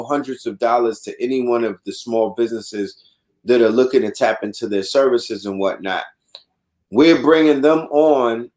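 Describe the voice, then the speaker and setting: A man with an average-pitched voice hosts a livestream. He talks casually and explains as he goes, often checking in with his listeners. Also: darkish tone. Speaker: livestream host.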